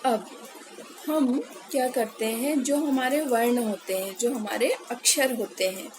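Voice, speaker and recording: A woman's voice: a little high, noisy background. A woman teacher leading a phonics lesson for young children, patiently repeating each word and checking in with the class. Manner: slow, patient, drawn-out repetition of words for children; frequent "है ना" check-ins with pupils. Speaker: primary school Hindi teacher.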